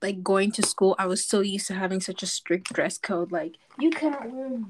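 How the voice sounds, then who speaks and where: A young woman from Zambia joins a podcast as a guest and chats casually. She tells her stories with plenty of likes and ums, in a mid-range voice. She sounds relaxed and talkative. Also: mid-range voice, moderate pace, slight background noise. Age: young adult. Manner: chatty storyteller, many likes and ums.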